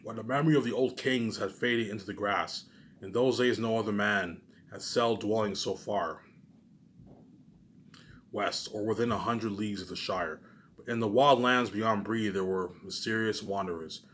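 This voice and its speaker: With a bit of hiss or hum behind him, a man reads a book to his audience as a video creator's readalong, his tone fairly bright and his pitch fairly low. He keeps a moderate pace but stumbles often, repeats himself, and interrupts with emphatic rhetorical asides.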